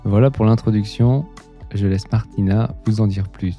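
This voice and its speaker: Dark deep voiced guy hosting a podcast, kinda hesitant, some music behind. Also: steady tone, normal speed, dull audio. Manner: hesitant, many fillers and restarts when asking. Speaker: podcast host. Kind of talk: scripted intro then casual interview.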